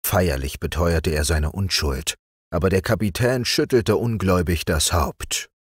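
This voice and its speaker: A man calmly narrating fairy tales for an audiobook. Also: sits low, a little slow, slightly rough, no echo, studio quality. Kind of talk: calm fairy tale reading.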